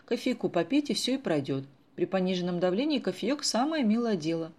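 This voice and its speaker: A reader voicing a brisk, know-it-all woman accountant in a storybook. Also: medium pitch, sing-song, a little mellow, voice pushed up.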